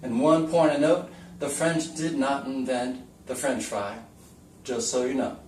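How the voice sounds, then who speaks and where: In a room where the camera is taped to the wall, a male teacher runs a casual whiteboard lesson, chatty and folksy, quizzing the viewer as he goes. His voice is medium-pitched, fairly even, unhurried and a little mellow. The distant camera mic across the room gives a roomy echo and a faint hiss or hum.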